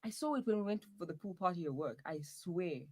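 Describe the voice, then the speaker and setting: A man's voice: high voice, expressive, fairly quick. A man playing a fussy, whiny young boyfriend. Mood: pleading. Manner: whiny, dramatic outbursts. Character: young man stuck in his girlfriend's body, touchy. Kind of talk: comic audio drama.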